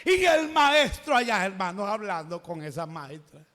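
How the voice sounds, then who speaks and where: A preacher's voice, very high and swinging wildly in pitch, with a husky, gravelly grain. He preaches with passion, often breaking into shouts. A long church reverb hangs on every line. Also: very animated, normal speed. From El Salvador. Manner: impassioned, often shouting, storytelling. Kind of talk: evangelical sermon.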